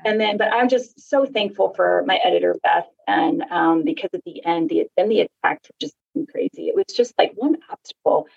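A woman's voice: on the low side, lively intonation, normal speed, gravelly, hardly any pauses, a little mellow, husky, dull audio. A woman, an author guest, telling her story in casual faith-based conversation and acting out the voices of people she quotes.

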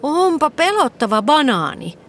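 A woman's voice: high-pitched, very animated, fairly bright tone, a little hiss or hum, voice pushed up. A woman doing a cheeky magic fox. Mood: playful. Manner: bouncy, jokey storybook talk.

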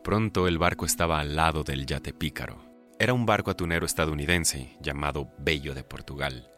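A man delivering scripted documentary narration in a measured, calm way. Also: a bass voice, soft background music.

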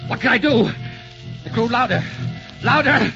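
An actor playing a tormented, delirious dying poet in a theatrical 1940s radio drama style, anguished and repeating words feverishly. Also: male voice, extremely high pitch, animated, normal speed, creaky, exaggerated voice. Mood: terrified, frantic. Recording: muffled 1940s radio recording, loud music.

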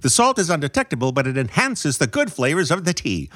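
A man playing a fast-talking 1940s male newsreel announcer, with a brisk, clipped, theatrical delivery. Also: fairly high pitch, sing-song, fairly bright tone, no echo, studio quality.

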